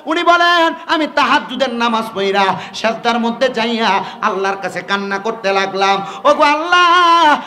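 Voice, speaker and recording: Male preacher, bright tense tone, fervent sermon delivery. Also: sits high, reverberant. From Bangladesh. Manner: impassioned, rising to loud calls, chanted recitation. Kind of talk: Bengali waz sermon to a crowd.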